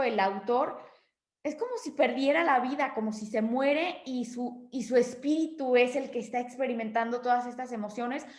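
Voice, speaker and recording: A woman teaching a lesson on a poem, explaining patiently step by step with frequent fillers and checking questions. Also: high-pitched. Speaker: Spanish literature teacher. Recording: echoey room.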